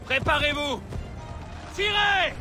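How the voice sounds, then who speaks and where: An actor playing a battlefield officer in a game, shouting urgent military commands such as a retreat order. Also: male voice, very high-pitched, slow pace. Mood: commanding, urgent. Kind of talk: French-dubbed video game acting. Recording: loud music and gunfire behind. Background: music, artillery and gunfire.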